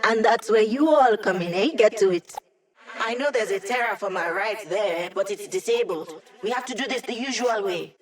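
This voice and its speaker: In a brisk, focused mood, an actress plays a wry, upbeat female hacker supporting a squad on a video game mission, with a casual, playful, teasing delivery. Her mid-range voice sounds natural at a normal speed.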